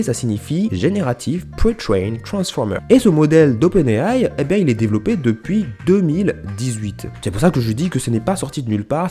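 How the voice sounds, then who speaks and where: A young man talking through a casual comedic explainer, full of joking asides and self-mockery. His voice is mellow and warm, and his pitch bounces around a lot, with faint music underneath. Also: husky. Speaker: storytime YouTuber.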